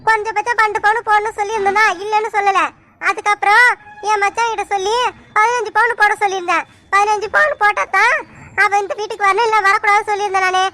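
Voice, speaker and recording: Brief: bossy cartoon village mother-in-law, voiced by a woman, shrill and very high, bright and sharp, nags and shouts. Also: steady tone, fast. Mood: scolding. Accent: Tamil Nadu village speech. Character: loud scolding middle-aged village mother-in-law. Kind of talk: cartoon dub acting.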